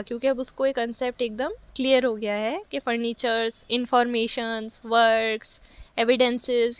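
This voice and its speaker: This is a woman teaching English grammar for a competitive exam. Her voice is high, and the recording is close and dry, with no room sound. She reads each test sentence slowly and then quizzes her listeners with rhetorical questions. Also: dry recording. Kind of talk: exam-prep lesson.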